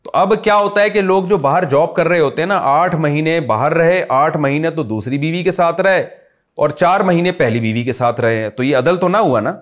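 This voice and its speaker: An Islamic scholar with a Pakistani Urdu accent answers listeners' religious questions conversationally, using examples to explain. His voice is fairly high, with lively intonation and a moderate pace.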